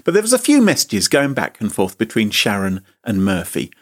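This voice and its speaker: At a normal speed, with huge pitch swings, the podcast host tells a comic story on his chat show. He plays up theatrical mock outrage, sounding indignant with sweeping shifts in pitch.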